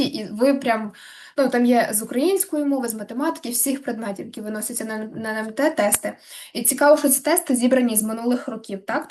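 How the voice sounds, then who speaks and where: A young woman tutor giving a chatty, casual lesson to camera, full of filler words and restarts. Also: on the high side.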